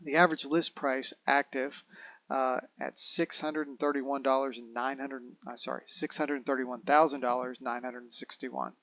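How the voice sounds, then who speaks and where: A man's voice: medium pitch, level tone, normal speed, bright, forceful tone, dry recording, muffled recording. Easygoing male realtor explaining market numbers. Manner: conversational, explains figures step by step, self-corrects. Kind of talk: casual real estate market update.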